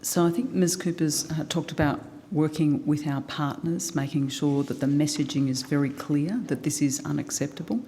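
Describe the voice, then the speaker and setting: A woman's voice: low voice, fairly even intonation, normal speed, hardly any pauses, dark tone, a little hiss or hum. A woman, a senior official, answering a committee in composed, bureaucratic phrasing. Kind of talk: formal testimony.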